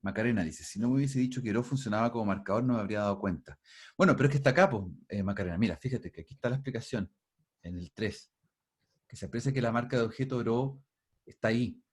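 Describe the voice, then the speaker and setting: A husky-voiced man leads a linguistics class over a video call. He explains step by step, often repeating and restarting words as he thinks aloud, at a middling pitch. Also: quick pace. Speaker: linguistics teacher. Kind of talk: online class teaching.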